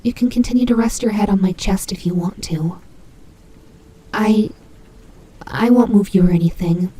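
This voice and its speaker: A woman voicing a tsundere nightmare animatronic rabbit, gruff but protective, in an intimate, hesitant roleplay audio drama style. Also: mid-range voice, slight background noise, natural voice. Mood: grudgingly tender. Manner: hesitant, halting, flustered tsundere softness.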